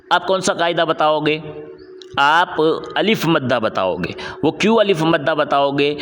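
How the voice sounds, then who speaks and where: A man with a fairly high voice teaches a reading lesson, drawing out each syllable slowly and patiently. His voice rings out with a long, lingering reverb, as if he is in a large hall. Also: fairly bright tone. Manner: patient, drawn-out syllable drills. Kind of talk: recorded recitation lesson.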